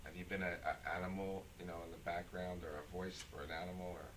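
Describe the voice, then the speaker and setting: Low, bright-toned male talk host. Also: fast, far from the mic, a little hiss or hum. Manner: relaxed, short encouraging replies. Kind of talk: casual interview chat.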